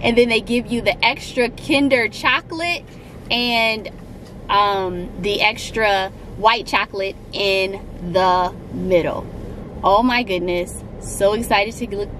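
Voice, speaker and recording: A woman with a medium-pitched, slightly bright voice co-hosts a food vlog, tasting a dessert while chatting casually in an enthusiastic, drawn-out way. A little hiss or hum is audible.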